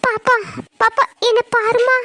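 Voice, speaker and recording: A woman's voice: extremely high pitch, level tone, unhurried, sharp tone, heavily acted. A woman playing a tearful young wife who begs her husband for a baby, in a pleading voice. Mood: crying.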